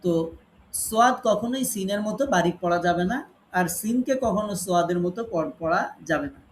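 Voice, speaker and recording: A man teaching an online tajweed class, patiently explaining rules and slowly reciting Arabic examples. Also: sits high, slight background noise. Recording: echoey room with faint ambience.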